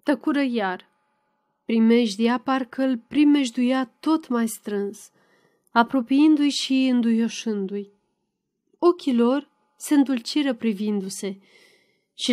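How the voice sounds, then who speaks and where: A woman narrating a novel as an audiobook in a measured, even reading. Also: fairly high pitch.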